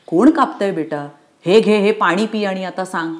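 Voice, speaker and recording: A woman's voice: mid-range voice, moderate pace, close to an everyday voice. A woman voicing a worried, caring village mother in a storybook reading, speaking in an anxious way.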